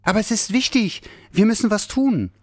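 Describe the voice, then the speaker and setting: Storybook little santa, squeaky eager and out of breath, as a man puts him on, lively. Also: moderate pace, no room sound, clean studio sound. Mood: urgent. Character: small eager young Santa, excitable and breathless.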